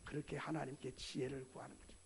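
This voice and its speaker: A man's voice: mid-range voice, level tone, quick pace, slightly rough. A man preaching a sermon as a pastor, in a conversational way full of rhetorical questions.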